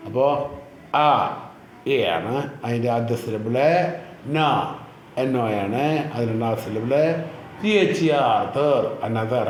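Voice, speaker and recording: A man with a Malayali accent, teaching children an English lesson slowly and patiently and spelling words out letter by letter. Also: mid-range voice, a little mellow, roomy sound, slight background noise. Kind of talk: explaining a school English text in Malayalam.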